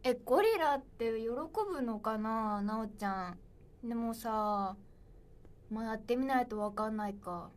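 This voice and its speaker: In this casual livestream chat, a young idol host in her twenties reads viewer comments aloud and jokes around on her own. Her voice sits a little high, with lively intonation, yet she keeps a measured pace.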